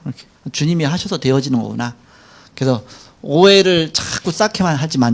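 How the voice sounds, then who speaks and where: A middle-aged man preaching a sermon in a church. He speaks colloquially and animatedly, acting out quotes. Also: fairly high pitch. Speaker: pastor. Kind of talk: sermon lecture.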